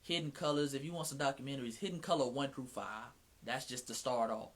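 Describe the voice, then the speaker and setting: A man with a Southern drawl carrying a Mississippi twang talks freely in a relaxed livestream chat, frank and loose with slang and profanity. His voice sits at an ordinary middle pitch, and he often restarts his sentences. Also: fast talker. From Atlanta, US. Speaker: author hosting his own livestream.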